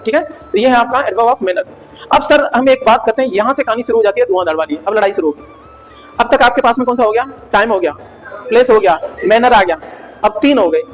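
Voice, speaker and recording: High-voiced man teaching grammar in a hall. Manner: animated, quizzing students with rhetorical questions and jokes. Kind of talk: classroom lecture. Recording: hall reverb.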